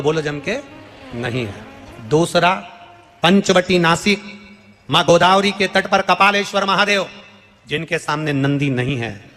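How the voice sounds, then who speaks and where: A man with a fairly high voice delivers a devotional sermon as a story. He repeats lines for emphasis and calls questions out to his listeners. His voice rings with a long hall reverb, with faint music underneath. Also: bright, forceful tone. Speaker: preacher.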